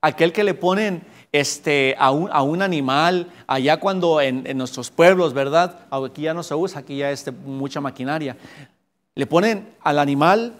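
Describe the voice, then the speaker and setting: Brief: earnest lay preacher teaching Sunday school, slightly high voice, swings from emphatic peaks to hushed lows. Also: male voice. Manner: earnest preaching, rising to emphatic peaks then dropping low; addresses listeners directly with rhetorical questions.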